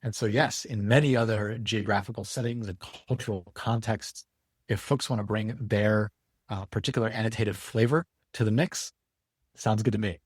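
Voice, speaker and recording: A man speaking as a guest educator in an interview, thoughtful and measured. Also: on the low side, fairly even intonation, husky, no echo, studio quality. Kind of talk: reflective interview talk.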